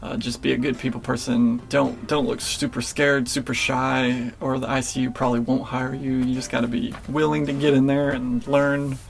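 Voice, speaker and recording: Gravelly young man, flat delivery. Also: medium pitch, moderate pace, hardly any pauses, slight background noise. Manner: relaxed, filler-heavy, restarts. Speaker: nurse answering viewer questions. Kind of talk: casual Q&A vlog.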